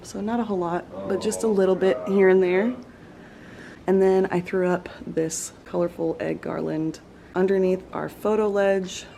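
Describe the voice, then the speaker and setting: A woman's voice: mid-range voice, normal speed, gravelly. A young woman, chatting casually in a home vlog. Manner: chatty, relaxed, Southern "y'all". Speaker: vlogger. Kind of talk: casual vlog talk to camera. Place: home living room.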